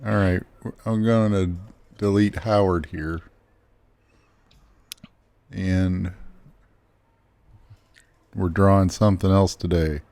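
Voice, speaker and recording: A man's voice: sits low, fairly even intonation, vocal fry, dark tone, no room sound. A man co-hosting a podcast, chatting casually and rambling a little while he draws. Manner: slow, rambling, self-deprecating. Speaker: podcast co-host and artist. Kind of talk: casual chat while drawing.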